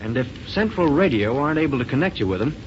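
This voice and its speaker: A brisk, confident space pilot hero, as a man acts him out in an old radio serial. His voice is mid-pitched and steady. The recording sounds dull with a loud hiss. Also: natural voice. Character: bold young male space pilot hero. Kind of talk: 1930s radio drama acting.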